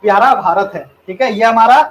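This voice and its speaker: High-voiced teasing male classroom teacher. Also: rough recording. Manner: teasing, drills students with quick repeated questions. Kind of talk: classroom lecture. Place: classroom with students.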